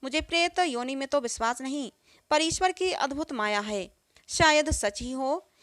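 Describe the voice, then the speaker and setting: A woman's voice: high-pitched, lively intonation, normal speed, fairly bright tone, no echo, clean studio sound. A woman reading the lines of a stern village landlord father, in her own voice with firm, plain speech.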